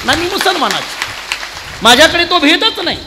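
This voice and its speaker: A man's voice: very high voice, sing-song, moderate pace, crowd noise, background noise, voice pushed up. A man voicing a mosque that speaks, solemnly declaring it belongs to all. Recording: long hall reverb.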